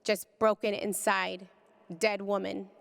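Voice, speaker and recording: A woman giving an impassioned personal testimony, speaking with deep feeling and rising to cries at its peaks. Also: little pitch movement, slow pace, gravelly, in a large hall. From California. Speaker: pro-life speaker. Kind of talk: emotional testimony talk.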